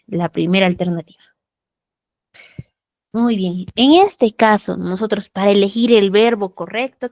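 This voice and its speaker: Her mid-range voice has a slightly dark tone as she leads an English grammar class in Peruvian Spanish over video call. The sound from the computer microphone is dry, and she patiently makes sure everyone understands, relying on frequent tag questions.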